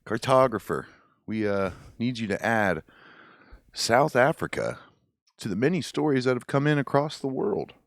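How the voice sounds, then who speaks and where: A man's voice: mid-range voice, expressive, moderate pace, no echo, clean studio sound. A man hosting a podcast, reading listener stories aloud and joking casually with a co-host. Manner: laid-back, jokey, swears casually.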